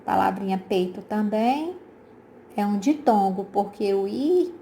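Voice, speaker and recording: A woman's voice: mid-range voice, animated, a little slow, mellow, a little hiss or hum. A Brazilian woman teacher explaining a grammar exercise to her pupils in a recorded lesson, patient and repetitive, often checking in with her class and using fond diminutives. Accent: Brazilian Portuguese. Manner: addresses pupils as "gente", uses diminutives.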